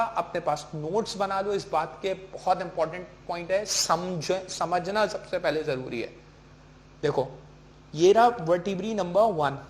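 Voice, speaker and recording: A man teaching a lesson in a slightly raised voice. He asks a question and answers it himself, and he checks often that his students follow. A faint hiss sits under the recording. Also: high-pitched. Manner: mixes in English terms, keeps checking with "ठीक है". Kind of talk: classroom lecture.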